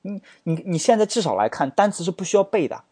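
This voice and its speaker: A man's voice: high voice, very animated, fast talker, dark tone, husky, no echo, studio quality. A man teaching English vocabulary, explaining word roots, spelling words out letter by letter and firing off rhetorical questions. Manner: asks many rhetorical questions.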